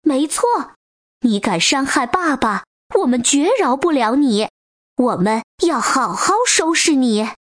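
Little baby ankylosaurs from a children's storybook, as a woman puts them on, calling out in high, squeaky, childish voices. The pitch sits very high and bounces around a lot, and the sound is close and dry. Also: expressive, slow pace, no room sound, heavily acted. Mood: defiant. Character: excited little baby ankylosaurs, a chirpy group.

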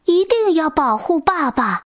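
Little baby ankylosaurs from a children's storybook, as a woman puts them on, calling out in high, squeaky, childish voices. The pitch sits very high and bounces around a lot, and the sound is close and dry. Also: sing-song, a little slow, no echo, exaggerated voice. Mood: defiant. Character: excited little baby ankylosaurs, a chirpy group.

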